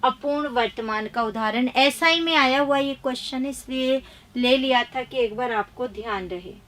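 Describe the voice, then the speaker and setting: A high-pitched woman runs a live exam-prep grammar class. She reads questions and their options quickly, urges students to answer, and chides them for rote learning in an emphatic teacher's tone. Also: a bit bright. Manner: brisk quizzing, reading options and answers aloud; chiding, emphatic.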